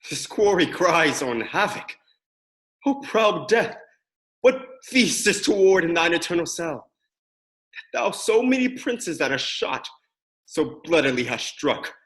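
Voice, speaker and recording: Man acting proud Fortinbras, bright and animated. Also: fairly high pitch, measured pace. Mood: awed, solemn. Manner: declamatory. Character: proud conquering young prince, commanding and solemn. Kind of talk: Shakespearean stage acting.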